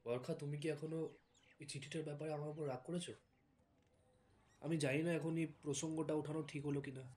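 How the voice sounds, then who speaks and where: A young actor playing a shy teenage boy speaking hesitantly and quietly. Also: a little high, steady tone, fairly quick, lightly acted.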